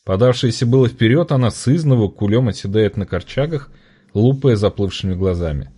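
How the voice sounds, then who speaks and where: A man narrating a first-person audiobook in an expressive, colloquial storytelling manner. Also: lowish voice, fairly quick, slightly rough.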